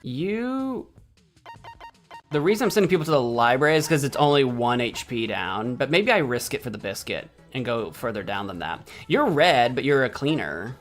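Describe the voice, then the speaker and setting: An American man with a mid-range voice, big pitch swings and a moderate pace gives casual commentary while streaming a game, with soft music in the background. He thinks aloud, rambles, corrects himself and banters with chat in a mock-indignant tone.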